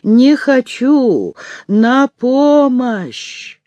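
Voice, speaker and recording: A man voicing a hysterical middle-aged woman held captive, crying out in shrill, drawn-out shrieks. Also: very animated, a little mellow, no room sound, highs cut off, exaggerated voice.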